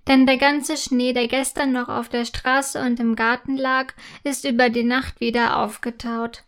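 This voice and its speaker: A woman narrating a children's story in a gentle, clearly articulated way. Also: a little high, level tone, measured pace.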